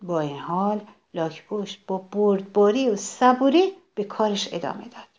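Animated woman reading a children's story. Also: mid-range voice, lo-fi sound. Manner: animated, addressing children directly.

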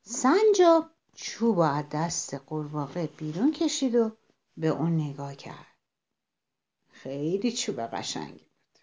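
Animated, mellow woman telling a children's story. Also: low voice, long pauses. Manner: warmly addresses children, animated.

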